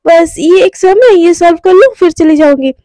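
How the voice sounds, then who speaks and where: A woman's voice: very high voice, moderate pace, dark tone, no echo, studio quality. A woman doing a flustered young woman, stammering. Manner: stammers and repeats words when nervous. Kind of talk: storyteller voicing a character.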